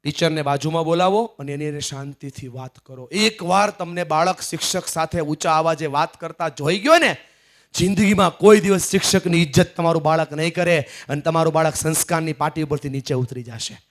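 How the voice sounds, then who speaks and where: A middle-aged man giving a live motivational seminar, emphatic, swinging from loud to hushed. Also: a little high, fairly quick. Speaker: motivational speaker. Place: large seminar hall with audience.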